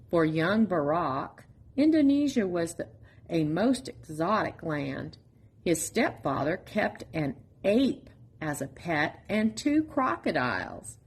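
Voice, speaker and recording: A storytime reader with a fairly low-pitched voice, she reads a children's picture book aloud expressively and deliberately, letting pauses fall between lines.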